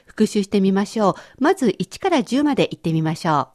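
A Japanese woman teaching a radio language lesson, explaining patiently and clearly. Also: mid-range voice, very animated, a little fast, darkish tone.

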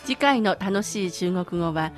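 A woman co-hosting a radio language lesson as the student, reading slowly and clearly. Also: fairly low pitch, expressive, faint music behind. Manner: slow, clear model reading. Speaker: co-host student.

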